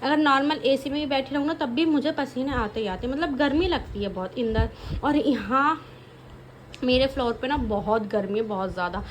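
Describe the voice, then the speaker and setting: A woman's voice: normal speed, slight background noise, low-quality recording. A young woman vlogging casually at home, talking in a rambling, chatty way to her viewers. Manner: chatty, rambling, switches to high baby talk with her toddler. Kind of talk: casual home vlog chat.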